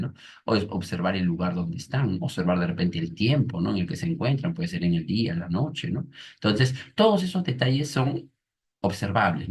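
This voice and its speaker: A man's voice: deep voice, slightly rough. A man teaching an online lesson, reading a comic aloud and explaining it step by step with frequent tag questions.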